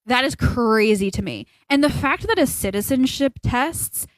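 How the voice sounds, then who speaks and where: Casual podcast chat from a young woman co-host: opinionated, rambling, stressing her points emphatically. Her voice sits high with lively intonation and a measured pace. The recording is dry and of low quality.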